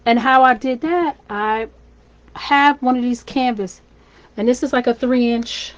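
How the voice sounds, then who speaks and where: A woman with a voice on the high side, scratchy from laryngitis, speaks a little slowly in a muffled phone or camera livestream. A wreath maker and shop owner, she walks viewers through a live craft tutorial step by step in a chatty, friendly way.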